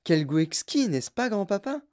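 A woman's voice: mid-range voice, sing-song, normal speed, mellow, voice pushed up, natural voice. A woman voicing a kind, eager young boy full of wonder in a storybook reading.

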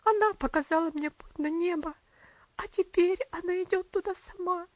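A woman voicing a kind aunt who weeps and pleads, her voice high and breaking. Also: normal speed, no room sound, dull audio. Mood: tearful. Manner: weeping, pleading.

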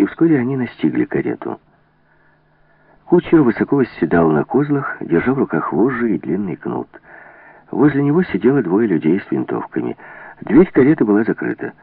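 A man reading a novel aloud as a narrator, dropping to a hushed voice for the dialogue. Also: on the low side, gravelly, dry recording. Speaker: audiobook narrator. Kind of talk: scripted narration. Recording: tinny phone-like line.

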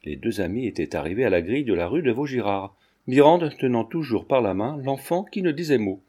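A male narrator reads a classic novel in steady, measured storytelling. His voice is mellow and warm, sitting at an average pitch for a man. The delivery stays even and unhurried. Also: slightly rough. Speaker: audiobook narrator. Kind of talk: scripted narration of a 19th-century novel.

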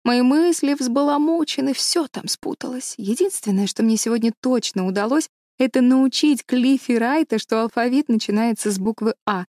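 A woman reading an audiobook, voicing an excitable, dreamy young woman schoolteacher who talks eagerly. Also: on the high side, normal speed, few pauses, no echo, clean studio sound, pitched above the performer's own voice, close to an everyday voice. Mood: excited.

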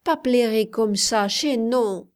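Woman reading as a tender slow-talking overseer. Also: on the high side, voice pushed up. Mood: tender pleading. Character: tender male plantation overseer, gentle and teasing. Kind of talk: audiobook character reading.

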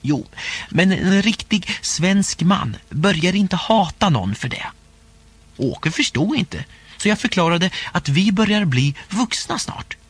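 A man narrating a humorous first-person diary story aloud in a playful, expressive way. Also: sits high, breathy edge, no room sound. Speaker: audiobook narrator.

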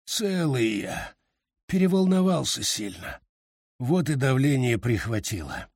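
Guy doing a husky old dad in his sixties, mumbling slow and short of breath. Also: medium pitch, big pitch swings, darkish tone, no room sound, clean studio sound, exaggerated voice. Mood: breathless. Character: breathless 65-year-old father, frightened.

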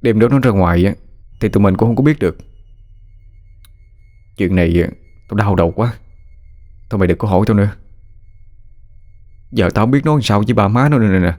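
A man's voice: on the low side, brisk, long pauses, darkish tone, faint music behind, close to an everyday voice. A man voicing an anxious young man grieving a drowned friend, in a shaky, pleading voice. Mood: distressed.

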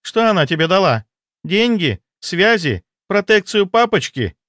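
A jealous young woman doctor, put on by a male audiobook narrator swings between begging and shrill fury. The voice is pitched high and leaps wildly up and down. The sound is close and dry. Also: lively intonation, normal speed, a bit bright, no echo. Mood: hysterical. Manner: pleading, then shrill and desperate. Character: jealous, hysterical female doctor, young adult.

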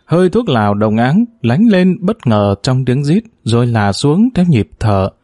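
A man narrating an audiobook chapter in a measured, expressive storytelling manner. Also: medium pitch, no echo, studio quality.

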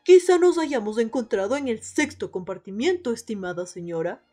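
A woman playing a polite, hesitant English gentleman in a radio play, speaking formally with pauses. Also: on the high side, lively intonation. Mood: polite puzzlement. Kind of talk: radio theatre acting.

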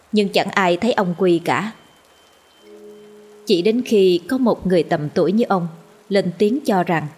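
A woman's voice: fairly low pitch, darkish tone. A woman narrating a ghost story as a storyteller.

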